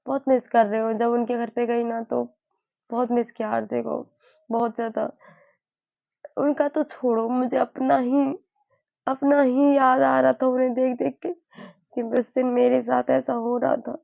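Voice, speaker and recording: A woman in her early twenties sharing her grief in a personal vlog. She sounds weary and low, halts often, and repeats herself. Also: creaky, no room sound. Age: early 20s. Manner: halting, repeats herself, many fillers. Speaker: vlogger. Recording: dull lo-fi dry sound.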